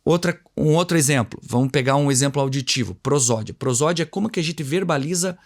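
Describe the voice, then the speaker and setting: Fast and fairly high-pitched, the Brazilian-accented man is a guest communication and NLP trainer giving an explanatory interview talk. He explains in a teacherly way, varies his intonation to draw contrasts, and acts out quick dialogues to make his points.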